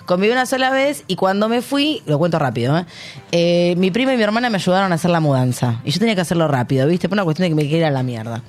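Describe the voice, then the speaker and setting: A woman's voice: fairly low pitch, sing-song, racing, a little mellow. A young adult woman with a Rioplatense Spanish accent, co-hosting a casual radio chat, frank and laughing as she tells stories. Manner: frank, laughing, chatty storyteller. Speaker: radio show co-host.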